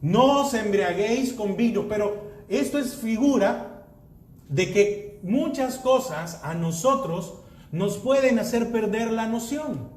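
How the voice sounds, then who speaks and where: High-voiced unhurried preaching man, echoey. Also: expressive. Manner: preaching with rhetorical questions and Bible readings. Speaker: pastor. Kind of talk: sermon.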